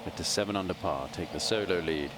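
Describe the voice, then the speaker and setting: A man's voice: sits low, fast. A man commentating live on a golf tournament as a broadcast announcer. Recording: very noisy outdoor sports broadcast. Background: loud outdoor ambience.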